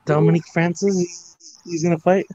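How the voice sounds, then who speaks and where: A guest on a casual chat, this American man has a high, warm voice with flat delivery at a moderate pace. He talks hesitantly, searching for words, with many fillers and restarts. The recording sounds dull and dry.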